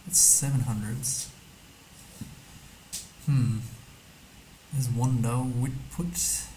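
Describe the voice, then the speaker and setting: A man's voice: mid-range voice, fairly even intonation, extremely slow, warm tone, a little hiss or hum, poor audio. A man streaming a map game, thinking aloud casually as he mutters guesses and reads numbers to himself. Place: indoor streaming setup.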